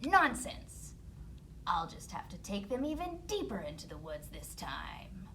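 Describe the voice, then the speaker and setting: A woman's voice: lowish voice, very animated, a little slow, a bit bright, slight background noise. A woman voicing a selfish, scheming stepmother in a children's storybook, exaggerated, wheedling and falsely nice. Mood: whiny indignant.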